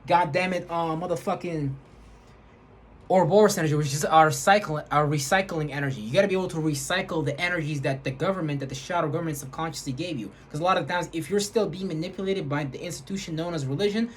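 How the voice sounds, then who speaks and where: Speaking fast in a voice on the high side, a man delivers a rambling, emphatic spiritual rant into his vlog camera, cursing a lot and repeating words to stress them. There's a little hiss or hum.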